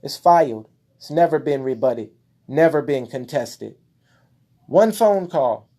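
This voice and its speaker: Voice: mid-range voice, animated, slow pace, mellow. Impassioned monologue voice, emphatic and preachy, a little winded. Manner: preachy, emphatic, exclaims at times. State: out of breath. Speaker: speaker addressing followers. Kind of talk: impassioned monologue showing documents.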